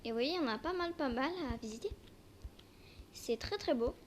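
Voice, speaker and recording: Young female amateur gameplay presenter, highish voice, speech affected by braces, hesitant casual delivery, clearly noisy home recording. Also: animated, brisk. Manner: talks with braces, slightly impeded articulation. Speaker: amateur video creator. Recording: noisy homemade recording with clicks.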